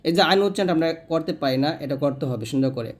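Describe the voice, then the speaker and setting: Man, fairly high voice, Quran reading teacher, spells out letters, slow drawn-out recitation between quick explanations. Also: animated. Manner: spells out letters and vowel marks one by one. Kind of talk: step-by-step recitation lesson.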